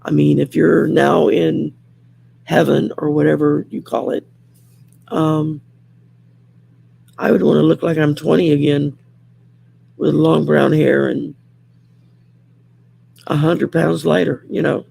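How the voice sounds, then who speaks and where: A middle-aged woman with a raspy, worn whiskey voice hosts a casual live chat in an unhurried, rambling, plain-spoken way. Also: low voice, little pitch movement, mellow. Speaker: live show host.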